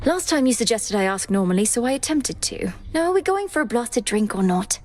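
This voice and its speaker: A woman's voice: on the high side, very animated. Earnest, formal young witch princess. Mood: polite, exasperated. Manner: measured, formal, careful diction. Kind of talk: dramatic video game voice acting. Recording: music behind the voice.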